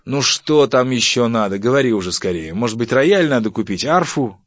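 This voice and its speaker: A man voicing a stingy, pompous middle-aged husband who lectures about thrift and turns shrill when provoked. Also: lively intonation, moderate pace, dry recording, close to an everyday voice. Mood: pompous scolding. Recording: dull, dry audiobook recording.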